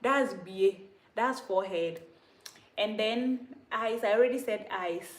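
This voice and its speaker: A woman's voice: medium pitch, echoey room. Chatty woman teaching words. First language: Dagaare. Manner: chatty, self-teasing, repeats words slowly, laughs often. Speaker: language teacher on a livestream. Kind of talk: casual spoken language lesson.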